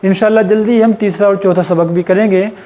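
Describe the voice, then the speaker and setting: A man teaching English grammar in a patient, explanatory way, repeating and rephrasing points and slowing down to spell out English example sentences. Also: high voice, fairly even intonation, warm tone. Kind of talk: explanatory lesson.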